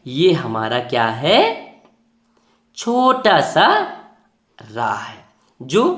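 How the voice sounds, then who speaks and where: A teacher giving a Hindi spelling lesson to children, slowly sounding out letters and asking the class questions, then answering them. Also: mid-range voice, roomy sound.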